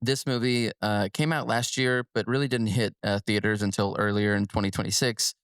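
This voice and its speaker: A lower-voiced man co-hosting a casual film podcast. He is chatty and quick to laugh, restarting his sentences as he goes. His voice sounds dry and close to the mic. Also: steady tone, no room sound. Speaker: podcast co-host.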